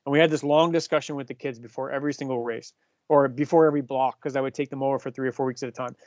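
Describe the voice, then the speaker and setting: A man's voice: medium pitch, fairly even intonation, very fast, a little mellow, no echo, muffled recording. A man in his fifties, a cycling coach chatting and explaining things to his team, often asking them questions. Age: 50s. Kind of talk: casual team talk.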